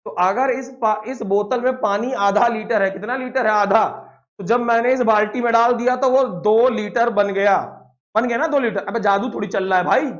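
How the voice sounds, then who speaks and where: Male teacher, high voice, playful, blunt, keeps quizzing the class. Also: muffled recording. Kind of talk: classroom lecture.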